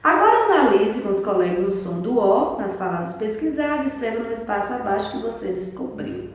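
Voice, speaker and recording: A woman with a Brazilian Portuguese accent, teaching a primary school lesson, slow and emphatic, stretching key words. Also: fairly high pitch, big pitch swings. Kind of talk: remote lesson walkthrough. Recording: echoey room, voice far from mic.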